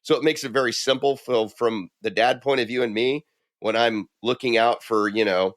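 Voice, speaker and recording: Animated middle-aged man chatting casually. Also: mid-range voice, moderate pace, dry recording, studio quality. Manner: animated storyteller, acts out quoted voices. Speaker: podcast co-host. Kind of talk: casual chat.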